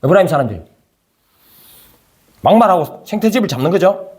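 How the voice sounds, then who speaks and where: A man's voice: high-pitched, sing-song, brisk, darkish tone. A male pastor preaching a conversational sermon, firing rhetorical questions at his congregation.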